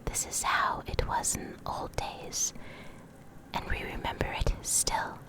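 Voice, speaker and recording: The low-quality clip features a female ASMR creator reading game lore aloud. She whispers breathily and close to her Blue Yeti desktop microphone, delivering short, deliberate phrases slowly with pauses between them.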